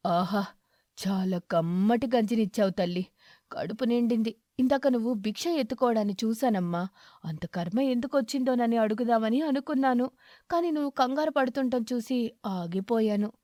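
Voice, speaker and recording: A woman voicing a kind old male eagle who begs for food, speaking slowly and softly. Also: on the high side, dry recording, clean studio sound, natural voice. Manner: slow, soft-spoken and pleading.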